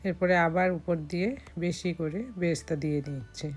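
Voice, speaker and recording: A hoarse woman from Bangladesh gives calm step-by-step recipe narration as a cooking vlogger. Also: fairly low pitch, fairly quick, soft background music.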